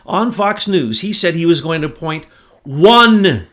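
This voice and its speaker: A man's voice: a little high, expressive, unhurried. Indignant man in heated commentary. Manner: indignant, emphatic, rising to near shouts. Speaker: podcast co-host.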